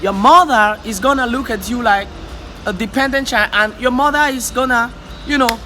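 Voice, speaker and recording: Slight background noise sits under an extremely high-pitched male voice, pushed and bright, moving at a moderate pace. He's a vlogger from Africa giving a fervent, exhorting motivational monologue, repeating himself and stumbling over his words in the heated moments.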